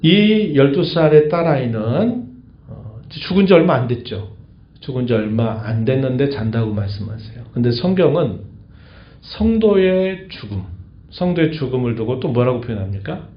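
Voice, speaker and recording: A man's voice: medium pitch, lively intonation, normal speed. A man preaches a midweek sermon, explaining scripture in a patient, teaching voice. He puts questions to the congregation and answers them himself. The recording is echoey and a little muffled, like a church service taped in the sanctuary. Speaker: pastor. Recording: echoey church, dull lo-fi sound.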